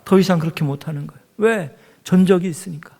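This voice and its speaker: High-voiced male pastor preaching. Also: fast. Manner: animated storytelling, rhetorical questions. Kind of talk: sermon. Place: church sanctuary. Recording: reverberant church hall.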